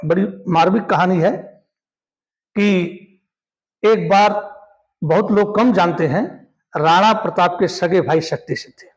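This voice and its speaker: A man with a high voice tells a history story as a lesson. He is animated and speaks to his listeners as friends. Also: slow, long pauses.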